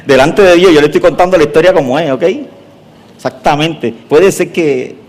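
A middle-aged man, a pastor preaching a sermon and telling stories in a theatrical, animated way. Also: a little high, normal speed. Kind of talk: sermon with personal storytelling.

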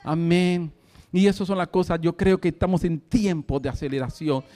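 Fervent preacher, high voice. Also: male voice, fairly even intonation, moderate pace. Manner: fervent storytelling, breaks into laughter and shouts. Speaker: pastor. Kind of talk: sermon.

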